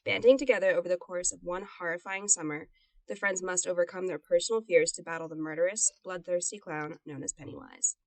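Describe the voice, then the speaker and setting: A woman's voice: fairly low pitch, brisk, no echo, rough recording. A woman co-hosting a podcast in casual, giggly, self-mocking chat, recorded inside a closet. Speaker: podcast co-host.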